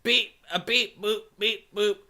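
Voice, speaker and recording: A man putting on a robot voice, playing a deadpan male robot comedian who beeps and boops. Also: high voice, takes it slowly, voice pushed up, full character voice. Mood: robotic deadpan. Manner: robot voice, beeping and boops, flat machine phrasing. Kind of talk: comic bit in casual podcast chat.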